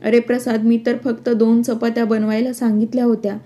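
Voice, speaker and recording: A woman's voice: on the high side, little pitch movement, fairly quick, mellow, close to an everyday voice. A woman voicing a mild, patient older farmer and father-in-law in a storybook reading.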